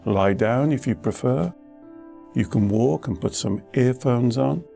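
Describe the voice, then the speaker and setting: Over soft instrumental music, a man in the role of a meditation teacher guides listeners gently, speaking short, reassuring phrases with pauses between them at an unhurried pace. His voice is medium-pitched and gravelly.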